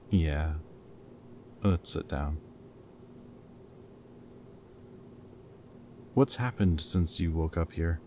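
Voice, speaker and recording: In an intimate dramatic audio roleplay with clear background noise, a man voices a captured rebel scientist, his very low voice warm in tone. The character is caring and burdened by guilt, his mood subdued and reassuring, and he talks hesitantly and haltingly yet casually and earnestly.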